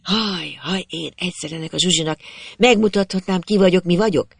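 A reader narrating a first-person storybook tale in an expressive storytelling manner. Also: mid-range voice, gravelly, slightly rough, dry recording.

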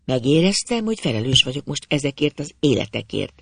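A man narrating a literary story in the first person, with measured, expressive storytelling. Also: medium pitch, gravelly, slight background noise.

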